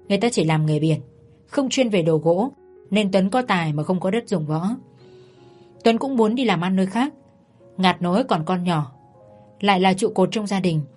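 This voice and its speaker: A woman narrating a scripted story in a steady, even way. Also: on the low side.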